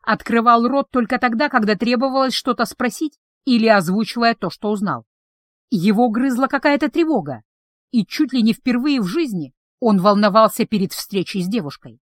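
A woman's voice: fairly high pitch, expressive, moderate pace, no room sound. Woman narrating a fantasy story, dry sound. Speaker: audiobook narrator. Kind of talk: scripted narration.

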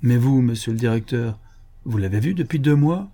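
A man's voice: mid-range voice, lively intonation, normal speed, dark tone, natural voice. A man reading the part of a stern older male court president in an audiobook, questioning sharply. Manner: indignant questioning.

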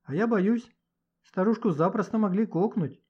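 A man's voice: high voice, moderate pace, slightly rough, pitched above the performer's own voice. A man reading an audiobook and voicing a cocky, boastful teenage boy with a brash, mocking manner. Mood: scheming. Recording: dull lo-fi audiobook recording.

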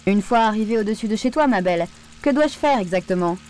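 A woman voicing a confident male helicopter instructor who gives calm, firm, affectionate instructions in an audiobook. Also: mid-range voice, quick pace, lightly acted. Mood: firm, reassuring. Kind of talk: audiobook character voice.

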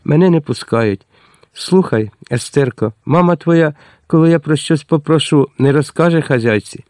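A man doing a sad, hushed young woman. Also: fairly high pitch, normal speed, no room sound, studio quality, voice pushed up, natural voice. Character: sad, sheltered young woman kept indoors.

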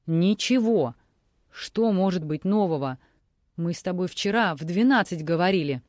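A woman reading aloud voices a hoarse, hungover middle-aged man who barks and shouts at his ex-wife. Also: sits high, expressive, moderate pace, no echo, clean studio sound. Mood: barking angry. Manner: barking, shouting.

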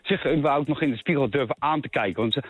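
A man's voice: medium pitch, fast. A man calling in to a radio show, indignant and stumbling over restarts as he makes his point. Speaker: caller. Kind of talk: phone-in call. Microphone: phone. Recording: tinny crackling phone line.

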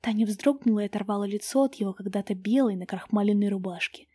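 A woman narrating a storybook in a hushed, often whispered way. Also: mid-range voice, quick pace, breathy edge, dry recording, clean studio sound. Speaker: audiobook narrator.

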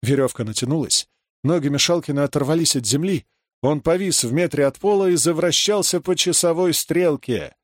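Male audiobook narrator, steady dramatic storytelling, dry close studio mic. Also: on the high side, a little fast, no echo. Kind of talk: scripted narration.

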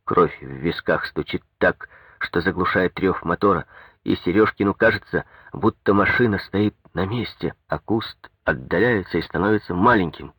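A man narrating a story in a steady, measured reading on a close mic. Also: low voice, husky, dry recording. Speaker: audiobook narrator. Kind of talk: scripted narration.

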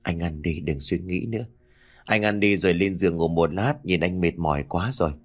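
A man voicing a worried young village wife and mother in a ghost-story audiobook, speaking anxiously and softly. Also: low voice, fairly even intonation, a little fast, faint music behind, pitched below the performer's own voice. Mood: soothing. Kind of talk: audiobook character voice.

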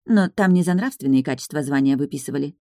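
A woman's voice: low voice, fast talker, warm tone, dry recording, studio quality. Woman reading as a kind cheerful girl. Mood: agreeing.

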